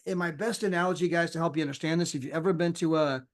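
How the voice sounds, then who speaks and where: A man's voice: on the high side, steady tone, fast. A man giving a chatty sales presentation over a screen share, often tagging his points with "right?" and "you know".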